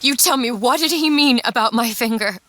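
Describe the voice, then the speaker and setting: A woman's voice: on the high side, brisk, a little hiss or hum. An actress playing an earnest, urgent young woman companion in an adventure video game. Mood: troubled. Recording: loud music over the voice.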